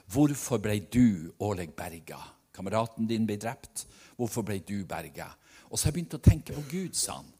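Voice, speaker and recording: A man preaching a sermon, telling stories earnestly and swinging between loud and hushed delivery. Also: on the low side, husky. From Norway.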